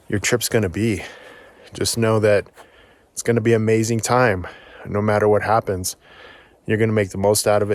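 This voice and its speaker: A man vlogging outdoors on a forest hike, upbeat and encouraging, out of breath as he climbs. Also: fairly low pitch. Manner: upbeat, encouraging, talks while hiking. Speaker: solo backpacking vlogger. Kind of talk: casual outdoor vlog to camera.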